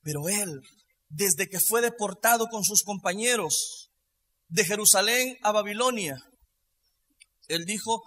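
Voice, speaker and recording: Un predicador de voz muy aguda y brillante, que pasa de frases suaves a exclamaciones fuertes y a veces alarga las palabras como si las cantara. Su voz resuena con una larga reverberación de sala grande, como en un templo. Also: male voice, sits high, unhurried, pauses often. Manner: emphatic, swings from quiet to loud, stretches some phrases in a sung tone. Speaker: preacher. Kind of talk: sermon. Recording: long reverb of a large hall.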